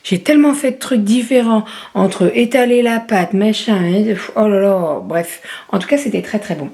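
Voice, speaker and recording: A woman's voice: medium pitch, normal speed, mellow. A woman vlogging about her family life from her home kitchen, rambling casually with lots of hesitations and self-corrections. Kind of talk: casual home vlog chat.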